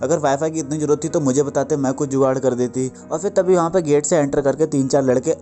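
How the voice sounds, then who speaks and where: A man's voice: fairly high pitch, fairly even intonation, fast, warm tone, faint music behind. Man casually retelling a TV serial. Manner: plain retelling with many self-corrections. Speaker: TV serial recapper. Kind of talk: casual spoken story recap.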